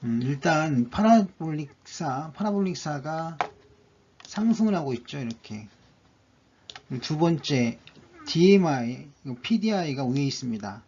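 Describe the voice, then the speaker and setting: A man's voice: on the high side, expressive, measured pace, a little mellow, breathy edge. A man narrating a stock chart analysis, going methodically through each indicator one by one, on a dull lo-fi recording.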